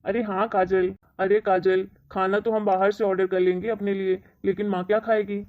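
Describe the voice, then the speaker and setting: A woman's voice: mid-range voice, level tone, normal speed, close to an everyday voice. A woman playing a greedy middle-aged son and husband who coaxes and argues in a plain voice. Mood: scheming. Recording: dull lo-fi recording.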